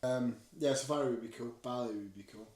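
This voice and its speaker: A man's voice: medium pitch, a little fast, a little mellow. A young man in casual, bantering couple chat, blokey and playfully boastful, as in a vlog. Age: young adult. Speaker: vlogger in a couple's Q&A. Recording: echoey room, distant microphone.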